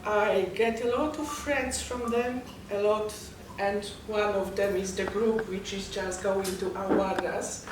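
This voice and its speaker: A woman's voice: medium pitch, fairly even intonation. Polish-accented woman in a very echoey, noisy room. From Poland. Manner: halting, non-native English phrasing. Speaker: guest, poet and novelist. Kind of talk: interview, personal account. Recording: very echoey, distant mic, noisy background.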